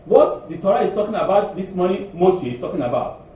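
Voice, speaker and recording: A man's voice: high voice, animated, brisk, slight background noise. A man preaching a sermon to a congregation, emphatic and repetitive, often restarting his words. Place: congregation hall. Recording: echoey hall from far off, dull.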